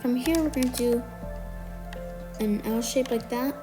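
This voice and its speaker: Slightly under the weather, a tutorial creator walks through a building guide one step at a time, counting blocks and fixing minor mistakes as he goes. His mid-range voice stays steady and unhurried. Music plays beneath the speech.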